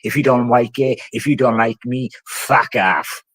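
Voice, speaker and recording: A man's voice: mid-range voice, unhurried, fairly bright tone, no room sound. A man with a Welsh Valleys accent rants casually on a livestream, combative, boastful and swearing freely. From South Wales Valleys. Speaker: live streamer. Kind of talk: ranting casual livestream talk.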